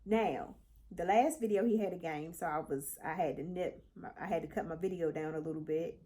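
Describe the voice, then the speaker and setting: A middle-aged woman vlogging casually to her viewers, chatty and animated, slightly congested, calling them y'all. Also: on the low side, a little fast. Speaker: crochet vlogger. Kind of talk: casual chat to camera.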